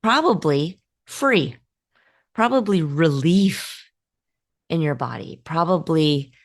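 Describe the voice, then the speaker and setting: A woman talks casually to her listeners as a motivational podcast host. Her voice sits low and has a gravelly fry. She encourages them in a chatty way, dotted with ums and small restarts. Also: expressive, takes it slowly. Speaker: podcast host and life coach.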